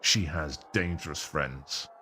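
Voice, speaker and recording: A game master using a voice changer that deepens his voice, playing a stern, commanding male captain of the city guard who gives curt orders. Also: slow pace, pushed and bright, soft background music, exaggerated voice.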